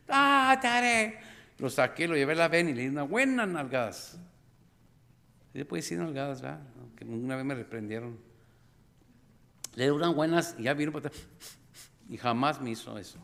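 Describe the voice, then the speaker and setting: A middle-aged man preaching a sermon as pastor, animated, acting out scenes with sudden cries and calling the congregation brothers and sisters. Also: medium pitch, a little fast, creaky, long pauses. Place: church sanctuary. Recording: long reverb of a church hall.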